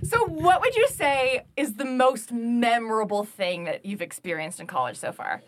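A young woman hosting a casual podcast chat, expressive and quick to laugh. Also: a little high.

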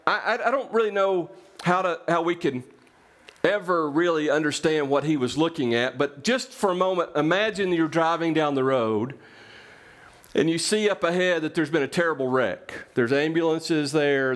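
A man preaching a sermon as pastor, earnest and repetitive, building phrases one on another. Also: on the high side.

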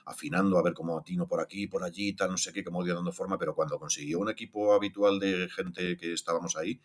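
A man talks in a deep, slightly husky voice. He is a voice actor chatting casually, animated and self-deprecating, dropping casual swear words. His tone stays low throughout. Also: quick pace. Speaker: voice actor guest. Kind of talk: casual interview chat.

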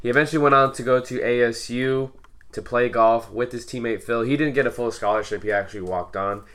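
A man co-hosting a podcast, relaxed, talking through background notes and laughing easily. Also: medium pitch, brisk. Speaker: podcast co-host. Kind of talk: casual storytelling chat.

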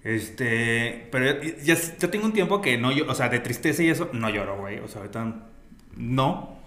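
A man's voice: medium pitch, lively intonation, moderate pace, bright, forceful tone. A man with a Mexican accent, telling personal stories as an interview guest in casual, slang-filled chat. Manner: slangy storyteller, peppers speech with güey. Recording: roomy echo, faint ambience.

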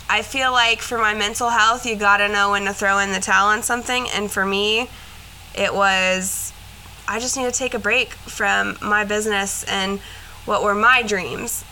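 Bright-voiced young woman, candid chat. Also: medium pitch, gravelly, slight background noise, low-quality recording. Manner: candid, rambling, lots of fillers and swearing; emotional, near tears at times. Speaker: podcast host. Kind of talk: casual personal chat.

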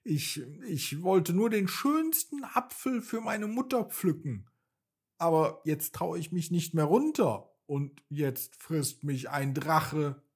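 Guy putting on a scared little boy, high whiny voice, husky edge, bedtime story. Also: animated, slow, heavily acted. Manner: whiny, fearful. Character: small frightened boy stuck in a tree.

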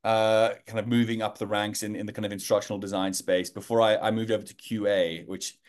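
This interview guest is a South African-accented man in his thirties whose voice sits on the low side, with little pitch movement and a brisk pace. His talk is casual and filled with fillers and restarts.

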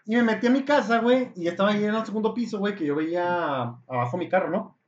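A man's voice: sits high, fast talker. A young man with a Mexican Spanish accent tells a story in casual chat, full of crude slang. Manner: animated, crude slang, acts out voices in his story. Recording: echoey room, dull lo-fi sound.

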